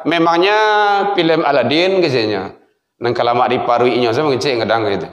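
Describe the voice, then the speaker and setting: A male preacher with a Minangkabau accent, delivering a sermon with animated storytelling, swinging between loud exhortation and low asides. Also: moderate pace. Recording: echoey hall.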